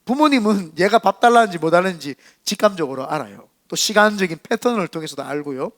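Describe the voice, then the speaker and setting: Male pastor, high lively voice, chatty sermon with playful asides. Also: fast. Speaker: senior pastor. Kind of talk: Sunday sermon.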